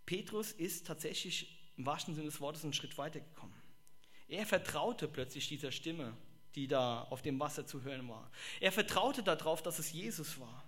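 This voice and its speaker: A man preaching a sermon, lively and exclamatory, acting out the voices he quotes. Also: on the high side, moderate pace.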